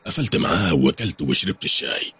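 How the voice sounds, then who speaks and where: Husky, fast Egyptian horror narrator. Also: male voice, rumbling low, lively intonation, pushed and bright, no echo, soft background music. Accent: Egyptian Arabic. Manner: urgent, dramatic. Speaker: storyteller. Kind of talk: first-person horror story narration.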